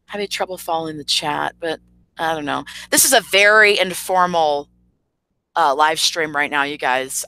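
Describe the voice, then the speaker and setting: Give me an indignant woman ranting on a live stream, with a bright, dry voice. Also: mid-range voice, no room sound, low-quality recording. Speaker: YouTuber. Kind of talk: informal live stream rant.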